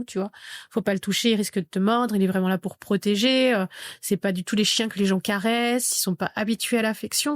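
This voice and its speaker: A woman's voice: mid-range voice, no room sound, clean studio sound. Woman in her thirties telling a story. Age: 30s. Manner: vivid narrator who acts out remembered dialogue. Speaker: podcast guest. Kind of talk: personal storytelling in a podcast interview.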